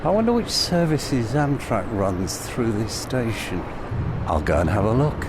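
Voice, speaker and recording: A British man giving a measured, observational, unscripted travel commentary as he records on location, pausing between phrases. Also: lowish voice. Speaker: narrator of an audio travel journal. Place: outdoors on city streets and at a station. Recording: outdoor city noise, traffic.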